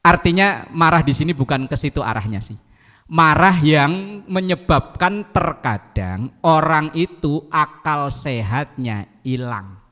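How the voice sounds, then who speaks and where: A man's voice: fairly high pitch, a little slow, in a large hall. A man giving a sermon to a congregation, telling jokey stories and acting out quotes. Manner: lively, jokey storytelling with acted quotes. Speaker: preacher.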